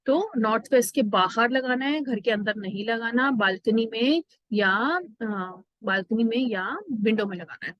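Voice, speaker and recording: Middle-aged woman, instructional to camera, methodical, bright-ish pitch, dry sound. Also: unhurried, no echo, lo-fi sound. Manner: explanatory, numbered steps, mixes in English phrases. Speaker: astrologer and numerologist giving vastu tips.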